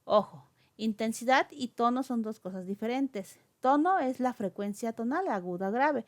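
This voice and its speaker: A woman's voice: fairly high pitch, animated, moderate pace, darkish tone. Woman teacher giving a lecture. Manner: explanatory, with frequent fillers and checking questions. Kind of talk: lecture on oral communication.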